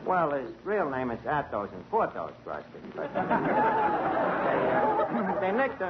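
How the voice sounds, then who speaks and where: In a 1940s radio comedy, a man plays a wisecracking tavern manager whose lines are full of malapropisms. His voice is fairly high, lively and slow-paced, with a loud crowd around him. The 1940 recording sounds muffled and hissy.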